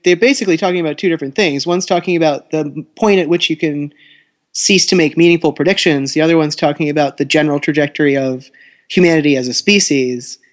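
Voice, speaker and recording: A man's voice: a little high, fast. A man co-hosting a podcast in an articulate, explanatory, conversational way, recorded through a laptop. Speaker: podcast co-host. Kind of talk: conversational discussion. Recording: thin laptop microphone sound.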